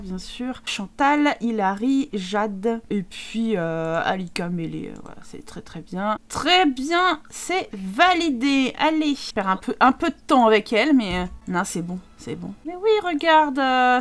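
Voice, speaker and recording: A woman giving casual, joking commentary over a life-simulation game and talking to the characters. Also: fairly high pitch. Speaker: gaming streamer.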